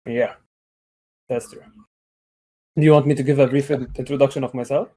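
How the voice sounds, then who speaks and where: A man's voice: mid-range voice, flat delivery, moderate pace, mellow. A man in his thirties from Lebanon on a video call, speaking in a hesitant way with many fillers and restarts. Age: 30s. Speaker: caller. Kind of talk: casual debate on a video call.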